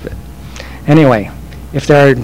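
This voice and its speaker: A man's voice: mid-range voice, moderate pace, a little mellow, low-quality recording. A man telling rambling, self-deprecating stories while taking audience questions at a live event. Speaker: game industry speaker. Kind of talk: live Q&A storytelling.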